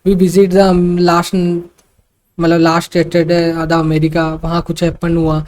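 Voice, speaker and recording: A man tutoring English grammar for exam students, explaining slowly and repeating his points with frequent fillers and English terms mixed in. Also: a little high, completely flat delivery, a little mellow. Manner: mixes English terms into speech. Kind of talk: online exam-prep lesson.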